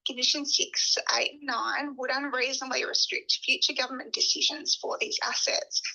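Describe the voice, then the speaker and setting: A woman's voice: high-pitched, level tone, moderate pace, gravelly, pushed and bright. A woman, heard over a phone on speakerphone, giving a formal prepared statement to a meeting as a government officer, reading steadily with frequent uh and um fillers. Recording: muffled phone audio through a room speaker.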